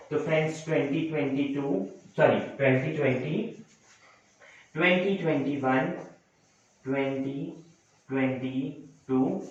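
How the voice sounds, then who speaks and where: A man's voice: a little high, a little hiss or hum. A young man teaching a coaching lesson, repeating points and correcting himself as he addresses students as friends. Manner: repetitive, self-correcting, addresses viewers as friends. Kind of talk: classroom lecture. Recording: very echoey room, distant mic, dull sound.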